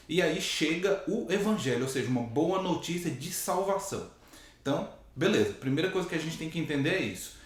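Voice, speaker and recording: A hoarse man teaching from the Bible to camera, explaining patiently and rephrasing his points with frequent "né?". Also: medium pitch. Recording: very echoey room.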